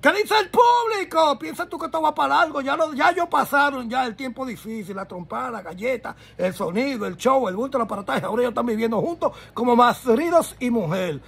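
A man's voice: extremely high pitch, expressive, fairly quick, creaky, hardly any pauses, fairly bright tone, slightly rough. A man hosting a celebrity gossip show, talking in a flamboyant, theatrical way straight to his audience.

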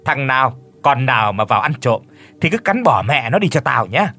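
A man voicing a cruel, spiteful young stepmother who scolds in a coarse, shrill way. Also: sing-song, moderate pace, bright, forceful tone, faint music behind, exaggerated voice. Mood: gloating.

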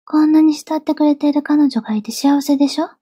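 A woman performs a yandere girlfriend in an ASMR role-play, high in pitch yet very dark and velvety in tone. She sounds obsessively devoted and clingy, sweet with menace underneath. The voice is close and dry. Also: steady tone, fast, dry recording, natural voice. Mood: obsessive, insistent. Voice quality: soft, breathy. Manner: yandere: obsessively loving, soft, pleading turning coldly threatening.

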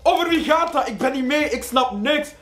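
A man hosting a reaction video, reacting to a rap track with loud, hyped exclamations. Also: extremely high pitch, animated, normal speed, echoey room, a little hiss or hum.

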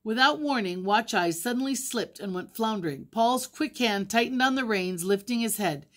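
A woman's voice: a little high, fairly bright tone. An older woman reading a novel aloud, stopping now and then to explain the pictures. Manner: plain, pauses to explain pictures. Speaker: storybook reader.

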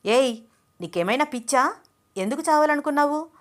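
A woman voicing a brash, short-tempered young man who talks loudly and bluntly in a told story. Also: fairly high pitch, normal speed, lightly acted. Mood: angry shouting. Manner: loud, scolding, blunt.

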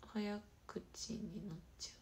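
A young woman hosting a casual livestream who chats quickly and brightly with viewers, often dropping to a soft murmur. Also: mid-range voice, steady tone, slight background noise. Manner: fast-talking. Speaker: idol livestream host. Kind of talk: casual livestream chat reading viewer comments.

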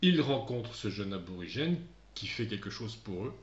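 A man teaching English to pupils in a recorded lesson. He reads English passages slowly and clearly, then explains them in relaxed French, speaking directly to his pupils and often trailing off softly. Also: on the low side, reverberant, muffled recording. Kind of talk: recorded video lesson, commented reading.

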